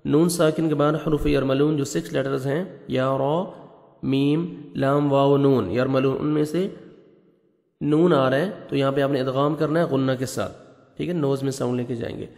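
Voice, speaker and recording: A man with a Pakistani Urdu accent teaching Quran recitation, who explains each rule slowly and patiently and slips English words into his explanation. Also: mid-range voice, fairly even intonation, vocal fry, a little mellow, big-room sound. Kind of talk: tajweed lesson, explaining rules between recited verses.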